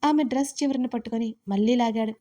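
A woman, the story's writer, narrating a romantic audio story in an expressive storytelling way. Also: on the high side, quick pace.

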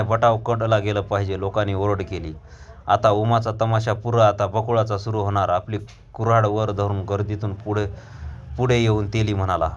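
A man reading a short story aloud, taking the verse passages slowly and sometimes stumbling and correcting himself. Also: on the low side. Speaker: story reader.

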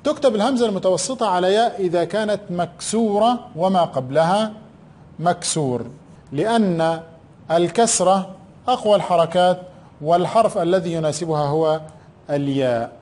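A male teacher giving a recorded grammar lesson. He asks questions, answers them himself, and stretches out key words slowly. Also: high voice, a little mellow. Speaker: primary school Arabic teacher.

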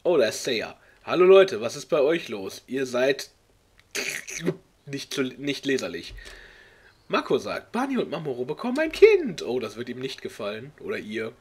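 A man hosting a comedic read-along, reading a clumsy fan story aloud and mocking it with exasperated jokes, sometimes squeaking into high voices for characters. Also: wildly swooping pitch, normal speed, breathy edge. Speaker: video host.

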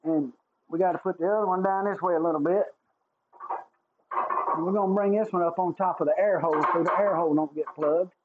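A man with a Southern drawl chats casually to his livestream viewers while he works at a guitar build. His voice sits fairly high and comes through thin and phone-like, with a faint hiss behind it. He talks in a folksy, easygoing way. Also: fairly even intonation, brisk. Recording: tinny phone-like sound with faint noise.

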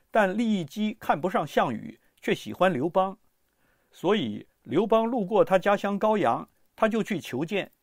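A man narrates a history audiobook with lively, expressive storytelling. His voice is high and swings widely in pitch. The recording is dry and close, with no room sound. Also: dry recording.

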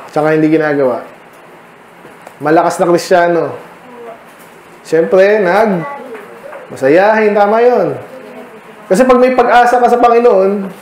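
A man's voice: high voice, a little mellow, echoey room, slight background noise, rough recording. Filipino pastor quizzing his listeners. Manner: conversational, quizzing listeners by name. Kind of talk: midweek Bible study sermon. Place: church meeting room.

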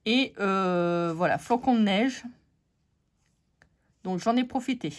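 French woman, voice going hoarse, casual crafting host talking to her viewers. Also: medium pitch. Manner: chatty, many fillers, talks to viewers. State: losing her voice. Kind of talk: casual craft haul chat.

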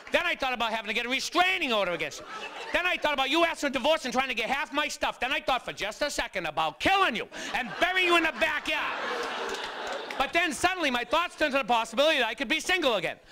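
A man doing a stand-up comedy routine in a comedy club, acting out rants with shouted character voices. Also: very high voice.

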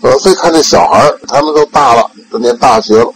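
An old man giving an informal Buddhist talk in a gravelly voice. He rambles, repeats words and leans on fillers. A faint background hiss sits behind him. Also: fairly high pitch, fast talker, rough recording. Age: older. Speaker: Buddhist lay teacher.

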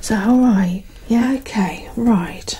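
A woman in her thirties performs a soft-spoken ASMR personal-attention roleplay as a barber, recorded close to the mic in her living room. Her slightly high voice is gentle and unhurried, often nearly a whisper, in a casual one-sided chat. A little hiss or hum is audible.

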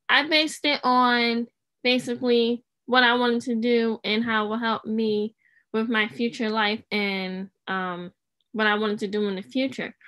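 Bright, slightly high teenage girl. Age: teens. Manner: careful, hesitant with many ums. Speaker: student panelist. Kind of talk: livestream panel answer.

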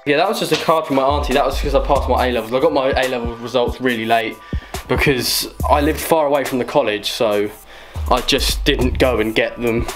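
Sweary young vlogger, rambling. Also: male voice, medium pitch, steady tone, brisk, over music. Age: young adult. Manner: rambling, sweary, self-mocking. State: out of breath. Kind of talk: casual vlog chat.

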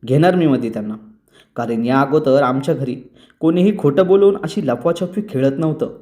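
A man doing a taunting sharp-tongued aunt. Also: medium pitch, brisk, close to an everyday voice. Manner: taunting, sneering.

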